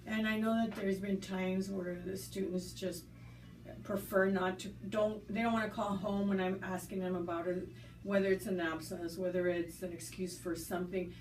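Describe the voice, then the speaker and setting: A US-born woman who works on a school staff is heard in a conversational interview, her medium-pitched voice level, a little mellow and at normal speed. She speaks earnestly and thoughtfully, with fillers and restarts, and soft music plays behind her. The mic is distant in a roomy space with faint background noise.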